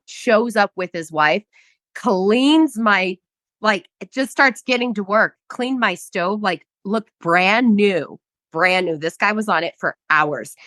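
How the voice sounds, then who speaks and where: A woman hosting a podcast, telling a personal story in a candid, animated way and swearing casually. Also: medium pitch, no echo. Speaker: podcast host.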